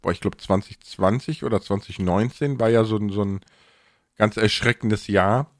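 This man, a podcast host and content creator, keeps up casual chat at a normal speed in a lowish voice. Dry, close audio leaves no room sound, and his s sounds are slightly stressed.

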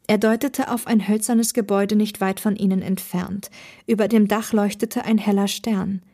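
A woman as voice-over narrator, reading a short story in a clear storytelling delivery. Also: medium pitch, fairly even intonation, normal speed, dark tone. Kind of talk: scripted narration.

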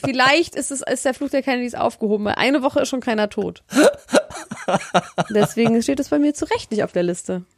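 Chatty woman with creaky voice. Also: on the high side, brisk, no room sound, clean studio sound. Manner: chatty, colloquial, self-correcting. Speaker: gossip podcast co-host. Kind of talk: casual chat about celebrity gossip.

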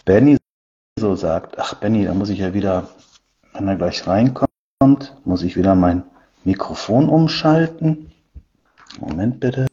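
Lively German-speaking fitness host. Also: male voice, sits low, unhurried, long pauses, muffled recording. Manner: lively, explanatory, addresses viewers directly. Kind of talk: live-stream talk to viewers.

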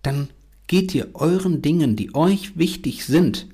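A man talks to his podcast listeners in an earnest, coaching way, repeating affirmations. His voice is husky and a little breathy. He speaks slowly and deliberately. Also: on the high side, animated, warm tone. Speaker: podcast host. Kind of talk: motivational podcast monologue.

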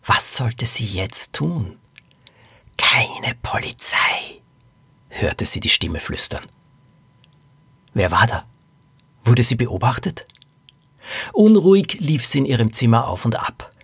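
A man narrating a detective story as host of a podcast, reading in a lively, animated way. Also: mid-range voice, unhurried, long pauses, slightly rough, no echo.

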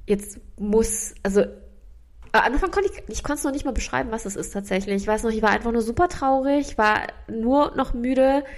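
A young woman co-hosting a podcast, sharing memories in a reflective, halting way with frequent restarts. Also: fairly high pitch. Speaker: podcast co-host. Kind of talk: casual chat.

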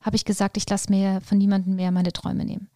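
A woman's voice: mid-range voice, fast, no echo. Woman telling her story, dry sound. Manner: lively, with many fillers and restarts. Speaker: podcast guest. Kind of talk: personal storytelling in conversation.

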